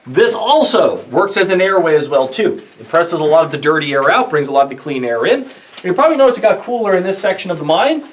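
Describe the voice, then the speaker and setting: A man leading a guided tour through an underground coal mine, explaining things step by step in a plain, lively way with gentle jokes. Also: on the high side, fast, far from the mic. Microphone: visitor's handheld camera from a few steps away. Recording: echoey mine tunnel, voice from off-mic.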